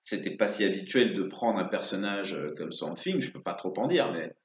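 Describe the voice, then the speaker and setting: A man's voice: sits low, lively intonation, moderate pace. A man giving a casual spoken commentary on comics, rambling with many hesitations and restarts. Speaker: video blogger commenting on comics. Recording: roomy, dull lo-fi sound.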